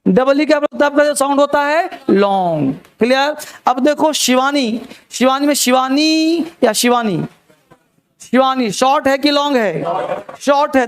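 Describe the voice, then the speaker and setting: A man's voice: very high voice, smooth. A man teaching a spelling lesson to a class, repeating key words and quizzing his students. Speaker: English teacher.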